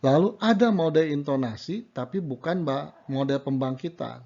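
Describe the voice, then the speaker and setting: A middle-aged man lectures at a university, walking through his points with rhetorical questions and little checks like "right?". His voice has a gravelly, fry-laden edge. The recording sounds dull and lo-fi. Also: a little high, moderate pace, warm tone. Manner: explanatory, rhetorical questions, frequent "ya" and "nah".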